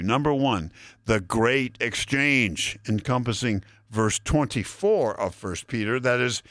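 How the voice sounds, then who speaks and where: A man preaching a sermon, expounding Bible verses in a deliberate, emphatic way to listeners. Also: mid-range voice, fairly bright tone, no room sound, clean studio sound. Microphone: broadcast sermon addressing listeners.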